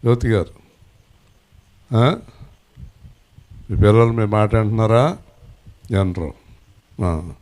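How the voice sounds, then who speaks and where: A man preaching a sermon who scolds and quizzes his congregation, demanding loud answers, and swings from low murmurs up to high shouted peaks. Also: slow pace, long pauses. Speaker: pastor.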